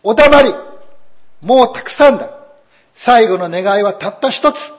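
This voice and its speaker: A nagging, greedy old wife from a folk tale, put on by a male preacher speaks in a raised, shrill voice. Her pitch swoops widely as she coaxes and scolds. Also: big pitch swings, normal speed. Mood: furious. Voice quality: high, shrill when upset. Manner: coaxing, then shrieking. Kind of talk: folk tale told in a sermon.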